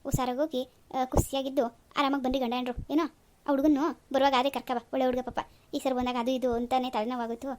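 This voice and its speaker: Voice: sits high, level tone, fast talker, noisy background, natural voice. A voice actor playing a stern old father-in-law in a cartoon, lecturing. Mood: fond. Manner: scolding, lecturing. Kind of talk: cartoon dub.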